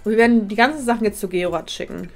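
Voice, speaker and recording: A woman's voice: mid-range voice, rapid-fire, faint music behind. A woman casually commenting while she streams a life-sim game, thanking viewers and talking to her characters, a little sniffly with a cold.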